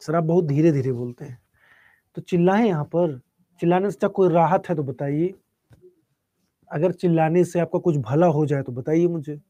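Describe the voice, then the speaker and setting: A man teaching a live online exam-prep class, speaking softly and unhurriedly while answering students' chat questions. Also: a little high, no room sound. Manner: soft-spoken, calm and unhurried.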